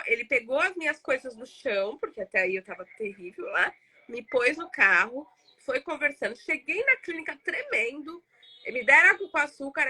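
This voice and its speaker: A woman's voice: sits high, bright, forceful tone, husky. A woman in her thirties with a Brazilian Portuguese accent, hosting a live talk circle and telling a personal story in a chatty, emotional way, often speaking straight to her audience. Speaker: therapist and host of a live discussion circle.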